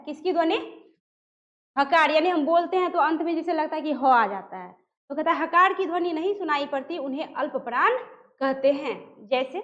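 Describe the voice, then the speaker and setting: Woman teacher, very high voice, quizzing her class, sounding out letters, dull lo-fi audio. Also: a bit bright. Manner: asks students questions and answers them herself. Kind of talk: Hindi grammar lesson. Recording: dull lo-fi recording.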